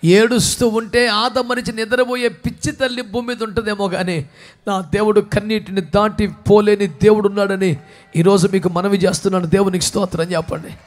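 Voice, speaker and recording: A male pastor preaching a sermon with passion, dropping to a hush and then rising to a shout, with many questions aimed at the congregation. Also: high voice, flat delivery, a little fast. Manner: impassioned preaching, swinging from hushed to shouting.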